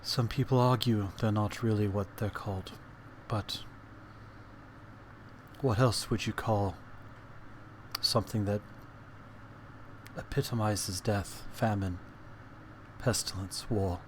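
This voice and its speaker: A man voicing an exhausted, guilt-ridden elderly scientist in a tabletop game, halting and laboring to speak like a weary old man. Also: lowish voice, fairly even intonation, slight background noise. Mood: grave, exhausted. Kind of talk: acted diary recording in tabletop game.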